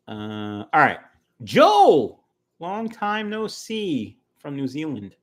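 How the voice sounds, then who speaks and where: Drawing out his words, the early-fifties host of a fishkeeping stream speaks a little high, his pitch swooping wildly. He chats casually and rambles while replying to what viewers post.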